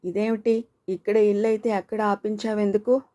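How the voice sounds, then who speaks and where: A woman's voice: mid-range voice, level tone, moderate pace, mellow, natural voice. A woman voicing Jyothi, a talkative, teasing young woman with a car, in playful banter.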